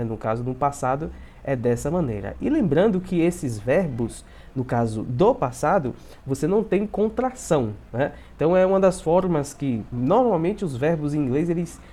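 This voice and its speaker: A man teaching an English lesson, who keeps adding tag questions and repeats example sentences slowly. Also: on the high side, dark tone. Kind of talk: video language lesson.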